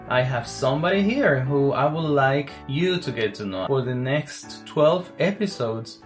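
A podcast host with a mid-range voice leads a faith podcast, chatting easily and warmly welcoming his guest with open questions. He slows down to read scripture from the Bible, with faint music under his voice.

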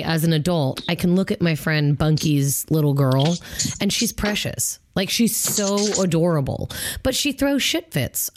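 A woman's voice: on the low side, a little mellow. A woman co-hosting a casual chat, blunt and laughing often, cursing freely.

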